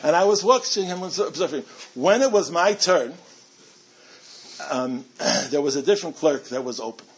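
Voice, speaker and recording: A man's voice: fairly high pitch, expressive, normal speed, breathy edge. A middle-aged man giving a storytelling talk to a community audience, chatty and self-amused, with frequent restarts.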